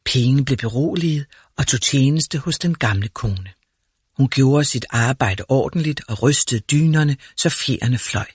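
A man narrating a fairy tale in a calm, measured storytelling manner. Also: medium pitch, breathy edge, no echo.

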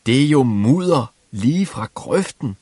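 A man's voice: mid-range voice, animated, a little mellow, husky, dry recording, pitched above the performer's own voice. A man voicing two smug older brothers who mock their simple younger brother. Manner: scornful, mocking.

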